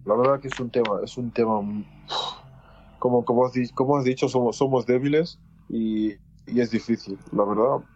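A young man co-hosting a podcast, speaking candidly with many halting repeats. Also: mid-range voice, fairly even intonation, a little mellow. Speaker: podcast co-host. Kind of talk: casual chat. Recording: dull, dry lo-fi sound.

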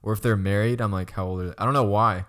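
A man's voice: fairly low pitch, fairly even intonation, fast talker, a bit bright. A young man co-hosting a casual chat, rambling with lots of stammered restarts and frequent laughter. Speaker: podcast co-host.

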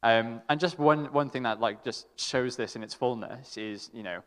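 A young man sharing a halting, affectionate story, with many restarts and laughs. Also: mid-range voice, smooth. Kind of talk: casual storytelling in a tribute. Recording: long reverb in a hall.

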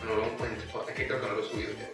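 A man's voice: fairly low pitch, level tone, rapid-fire. A man co-hosting a podcast, joking around in loose casual chat. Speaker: podcast co-host. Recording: echoey room, distant mic, faint music.

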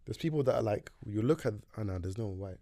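A young man, rattling through casual podcast chat at a quick clip. He is laid-back and slangy, stumbles into restarts often, and sits close to a dry mic. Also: fairly low pitch, lively intonation, dark tone, dry recording. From Sudan. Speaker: podcast co-host.

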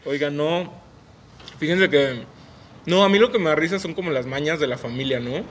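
A man's voice: fairly high pitch, moderate pace, slight background noise. A young Mexican man with a Mexican Spanish accent, co-hosting a podcast, laughing often and teasing in slangy chat. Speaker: podcast co-host. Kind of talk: casual podcast banter.

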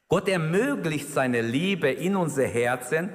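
A man's voice: on the high side, animated, slow. Fervent male preacher in a reverberant hall. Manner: fervent, emphatic preaching with exclamations. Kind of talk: sermon.

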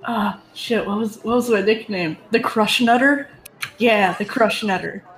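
A laid-back woman player at a tabletop game who jokes at her own expense and laughs easily. Her voice sits at a middle pitch, and soft music plays behind her. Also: measured pace, echoey room. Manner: casual, self-mocking, laughs. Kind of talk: casual game chat.

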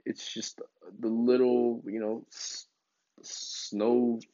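A self-help vlog host delivers a casual, encouraging spiritual pep talk that rambles informally. He has a dark, medium-pitched voice, speaks in a level tone and draws out his words. The lo-fi recording sounds dull, with no room sound.

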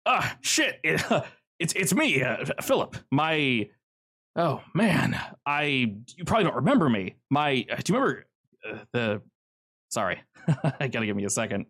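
A man voicing an excitable young man who stammers and rushes through his words at a reunion. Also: mid-range voice. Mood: excited.

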